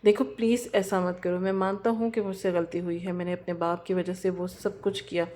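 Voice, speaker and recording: A desperate young husband pleads tearfully for his child, read by a woman narrating. The voice sits low and mellow, barely set apart from the storyteller's own. It is a plain storybook reading. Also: flat delivery, lightly acted. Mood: pleading.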